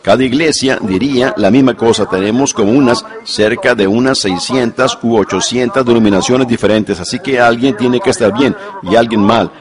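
A man's voice: mid-range voice, moderate pace, hardly any pauses, a crowd in the background. A man preaching a sermon earnestly, telling stories and repeating points for emphasis, in a church before a congregation. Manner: storytelling, earnest, repetitive emphasis.

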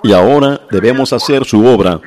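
A man's voice: mid-range voice, a little fast, crowd noise. Man preaching an old radio sermon. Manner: addresses the congregation directly with repeated questions.

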